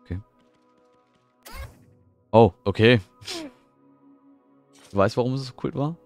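A middle-aged man takes his time, speaking slowly in a mid-range, slightly mellow voice as he streams a game from home. He rambles casually, answers chat, and is often puzzled, with game music faint in the background.

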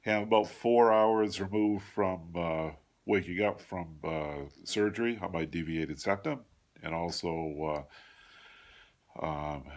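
A middle-aged man with a congested, stuffed-up nose talks haltingly in a casual video diary, recorded at home on a phone at arm's length. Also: extremely low pitch. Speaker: vlogger giving a surgery recovery update. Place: home room with a large window, indoors.

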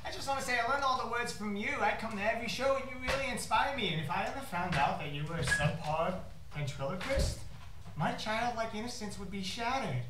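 A man's voice: high-pitched, animated, brisk, far from the mic. A man playing an innocent, adoring six-year-old boy superfan in a stage comedy sketch. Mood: earnest. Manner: innocent, gushing. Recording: echoey theatre from afar, noisy.

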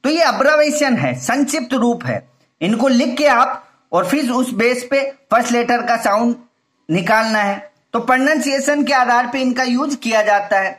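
A man's voice: very high-pitched, animated, normal speed, fairly bright tone. Male teacher explaining grammar. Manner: explains step by step, repeats points, asks and answers his own questions. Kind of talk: grammar lesson.

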